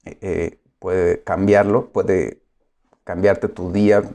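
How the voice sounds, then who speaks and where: A man giving a lecture, pausing often with filler sounds and explaining patiently. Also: low voice, flat delivery, vocal fry, mellow. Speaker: course lecturer.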